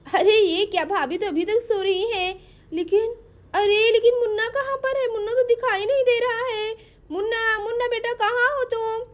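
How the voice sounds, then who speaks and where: A woman voicing a caring, anxious young woman in a doll play story, calling out urgently. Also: extremely high pitch.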